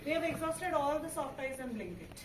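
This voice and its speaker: A woman with a South Indian accent performing stand-up comedy, telling stories in an animated way and acting out dialogue as she switches between languages. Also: high-pitched, a little fast, a loud crowd. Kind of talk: musical stand-up comedy routine, mixing languages. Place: live comedy venue with audience behind. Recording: echoey room, distant mic, noisy audience.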